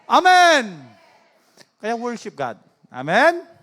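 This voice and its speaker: A man's voice: extremely high pitch, brisk, fairly bright tone. A man preaches a sermon. He tells stories and calls out to the people in front of him, moving between languages as he goes. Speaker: pastor.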